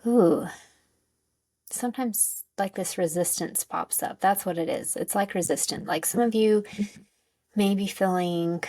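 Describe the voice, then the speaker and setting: A woman giving a casual guided self-help talk as a coach, informal and tentative as she searches for words, with a creaky voice. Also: medium pitch, measured pace, mellow, no room sound. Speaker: wellness coach and host.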